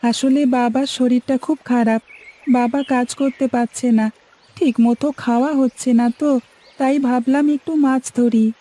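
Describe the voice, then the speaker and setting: A woman's voice: sits high, fairly even intonation, unhurried, mellow. A woman voicing a shy, honest poor village boy who answers meekly. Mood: humble. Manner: meek, pleading.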